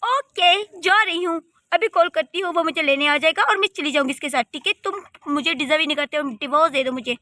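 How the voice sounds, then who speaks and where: A woman's voice: high-pitched, a little fast, hardly any pauses, bright, forceful tone, no room sound. A woman voicing a spoiled, haughty young rich wife in a cartoon story, scolding and scornful.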